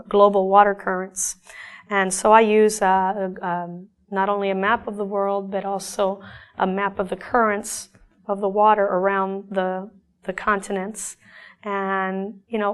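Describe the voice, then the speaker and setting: An artist from Argentina in middle age discusses her own paintings, pausing to think and repeatedly beginning again. Her voice is mid-range.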